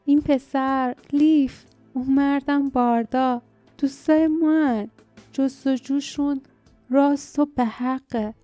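Gentle ghostly mother spirit, breathy and high, a woman reader doing her in an audiobook. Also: fairly even intonation, dry recording, soft background music, natural voice. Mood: tender, solemn. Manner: soft, breathy, moaning like wind. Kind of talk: audiobook character reading.

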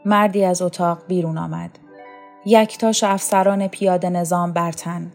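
Calm woman narrating a story. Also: fairly low pitch. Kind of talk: storytelling reading. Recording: faint music underneath.

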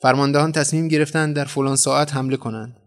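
A man narrating a translated short story in a measured, dramatic storytelling manner. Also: medium pitch, fairly even intonation.

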